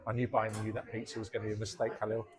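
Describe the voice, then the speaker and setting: A man's voice: fairly low pitch, monotone, very fast. A man co-commentating on a pool match with dry, teasing quips. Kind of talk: casual live commentary. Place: pub during a pool match. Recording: noisy pub crowd behind. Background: pub crowd chatter.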